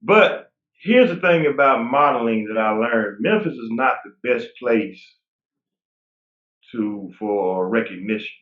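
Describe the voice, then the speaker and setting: A forties guest bodybuilder chats casually in an interview, relaxed and rambling with lots of restarts. His mid-range voice moves a little slowly. The line sounds tinny, like a phone, with a roomy echo.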